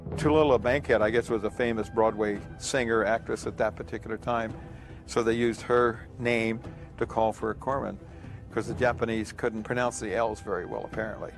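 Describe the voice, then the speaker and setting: An older veteran in an interview, telling a war story in a plain-spoken, reflective way. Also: male voice, on the low side, fairly even intonation, normal speed, soft background music.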